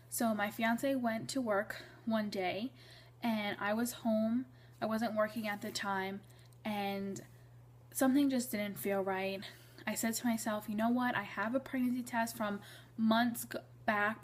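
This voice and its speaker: A young woman in her twenties telling a personal story in a casual vlog, chatty, with many ums and restarts. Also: mid-range voice. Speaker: vlogger.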